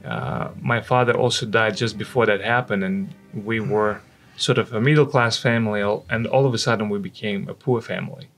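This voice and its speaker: Male interviewee, forties, Russian accent, slightly low gravelly voice, personal recollections, music underneath. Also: steady tone, fairly quick, fairly bright tone. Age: 40s. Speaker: interview guest, missionary. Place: indoor studio. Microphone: microphone on a stand, close.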